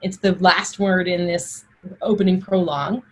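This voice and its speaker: A husky-voiced woman teaching Old English pronunciation, reciting the old words and explaining them informally one by one. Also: on the low side, steady tone, moderate pace.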